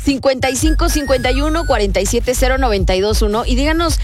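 A woman's voice: sits high, fast. A woman with a Mexican accent hosting a radio show casually, talking affectionately to her guest. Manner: affectionate, laughs often. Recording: music playing behind the voice. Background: music.

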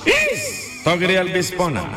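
High-voiced man telling garbled comic tales. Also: wildly swooping pitch, takes it slowly. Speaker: radio comedy storyteller. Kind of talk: comic storytelling in scrambled-syllable nonsense language. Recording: music playing behind the voice. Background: music.

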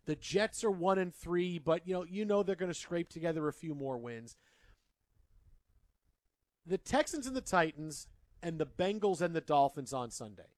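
Higher-pitched man hosting sports radio. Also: expressive, normal speed, a little mellow, no room sound. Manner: conversational, opinionated, asks rhetorical "right?". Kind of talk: casual sports talk commentary.

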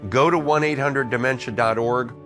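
A man's voice: mid-range voice, steady tone, moderate pace, fairly bright tone, faint music behind. A man reading a scripted charity ad in a reassuring way. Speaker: ad spokesman.

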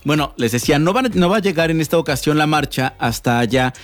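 A hoarse man with a Mexican accent chatting casually on radio, with conversational asides to listeners. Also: fairly high pitch, expressive, quick pace. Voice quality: hoarse, boozy-sounding. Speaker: radio events correspondent. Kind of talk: casual radio chat about local events. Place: radio booth. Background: faint music.

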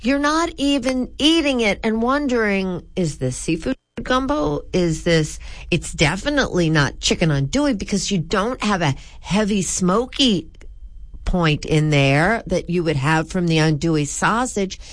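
A woman's voice: medium pitch, animated, a little slow, no room sound, clean studio sound. A woman hosting a radio food show, interviewing guests with enthusiastic, savoring descriptions.

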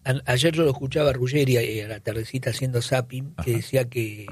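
A man, giving calm analysis as a panelist on a football talk show. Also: medium pitch, fairly quick, husky. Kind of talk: casual chat.

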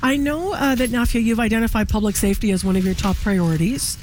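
A woman's voice: fairly high pitch, fast, a little mellow, a little hiss or hum. A woman hosting a morning radio show, talking conversationally with frequent fillers. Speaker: radio host. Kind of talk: radio interview.

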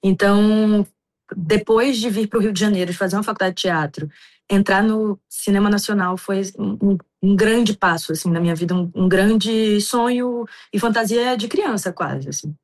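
An actress from Bahia, Brazil, answering interview questions in a reflective way, with frequent restarts. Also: female voice, medium pitch, normal speed.

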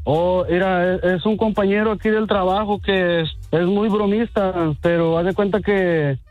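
Hesitant caller, high voice. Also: male voice, fairly even intonation, narrow, tinny audio, soft background music. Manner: hesitant, halting.

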